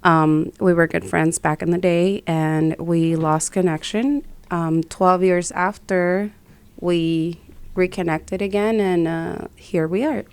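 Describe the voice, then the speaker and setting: A woman's voice: on the low side, fairly even intonation, takes it slowly, smooth. A woman, a friendly interview guest who laughs easily. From Mexico (raised in Tijuana). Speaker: guest, business co-owner. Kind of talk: casual interview chat.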